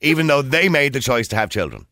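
A man's voice: mid-range voice, very animated, fast, bright, forceful tone, no echo, studio quality. A man with an Irish accent hosting a radio phone-in debate, challenging the caller and cutting in. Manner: challenging, interrupts.

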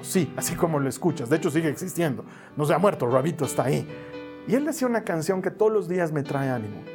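A male pastor preaching a sermon, earnest, building to emphatic peaks and then dropping low and slow.

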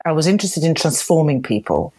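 A woman's voice: deep voice, very animated, fast talker, dark tone, husky, no room sound. A middle-aged woman, telling her story in a rambling, chatty way as a podcast guest. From Croatia. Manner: chatty and rambling, with restarts and laughs. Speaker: guest, hair and makeup designer. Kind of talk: casual interview storytelling.

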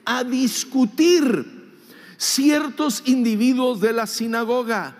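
High-voiced preacher in echoing hall. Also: male voice, slow. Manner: animated, mimics whiny voices, shouts for emphasis. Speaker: pastor. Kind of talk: sermon. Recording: long hall reverb.

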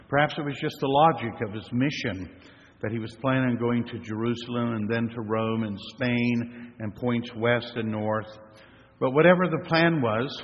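Older male pastor, measured sermon delivery building to emphatic peaks, long church reverb, dull lo-fi sound. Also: medium pitch. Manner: measured, rising to emphatic flourishes.

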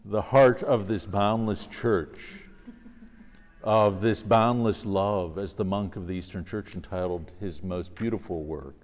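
Low voiced guy, priest doing a thoughtful talk and prayers, big echoey hall reverb. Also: warm tone. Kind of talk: religious lecture and prayer. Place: large reverberant indoor room.

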